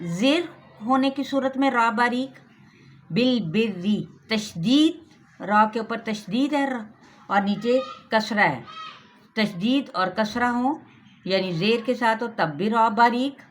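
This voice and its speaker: A woman with a Pakistani Urdu accent and a mid-range voice teaches the rules of Quran recitation in a tajweed lesson. She explains patiently step by step, reciting and drilling each sound slowly.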